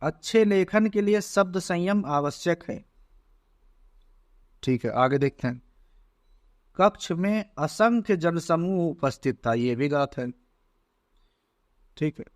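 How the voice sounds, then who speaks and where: A man teaching as he goes through an exam paper, slow and deliberate, often checking in with "theek hai". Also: a little high, lively intonation, no echo, studio quality. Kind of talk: exam paper walkthrough lesson.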